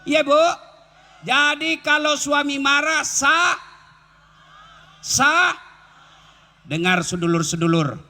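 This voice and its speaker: Brief: male preacher, high and bright, playful outdoor sermon song and jokes. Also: slow, pauses often. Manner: joking, lively, breaks into song. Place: outdoor field gathering.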